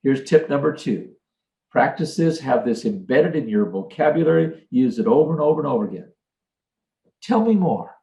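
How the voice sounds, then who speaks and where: Older man, mid-pitched voice, earnest coach, echoey room. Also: lively intonation, a little fast, creaky, mellow, dull audio. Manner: earnest, storytelling with acted quotes. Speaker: leadership trainer. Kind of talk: motivational talk.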